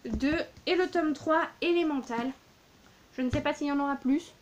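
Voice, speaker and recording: A woman's voice: high-pitched, normal speed. A woman in her thirties, a book vlogger showing her purchases in a casual, gushing way, with many fillers and repeated words. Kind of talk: casual book haul vlog.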